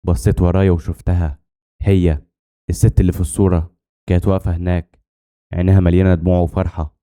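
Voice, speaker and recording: At a breakneck pace, with little pitch movement, a man with an Egyptian Arabic accent narrates a tense, dramatic first-person story full of suspense. He is a fast talker whose voice sits low and dark, mellow rather than bright.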